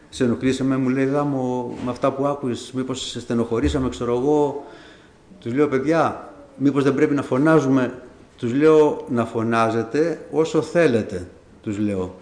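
This church member, a middle-aged man, recounts his faith testimony to the congregation in a chatty storytelling style, voicing the dialogue as he remembers it. His pitch is medium and his tone darkish, and the recording has an echoey room sound.

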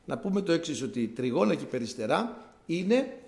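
Male preacher, animated and fairly high-pitched, explaining scripture with repetition, in an echoey church. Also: creaky. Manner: explanatory, conversational, repeats key words for emphasis. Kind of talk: sermon.

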